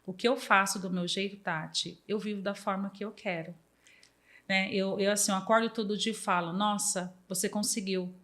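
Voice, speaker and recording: A woman's voice: mid-range voice, moderate pace. A woman from Brazil, chatting as an interview guest about music therapy, sometimes singing and acting out bits of children's songs. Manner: lively, sings and acts out snatches of children's songs. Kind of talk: casual interview chat.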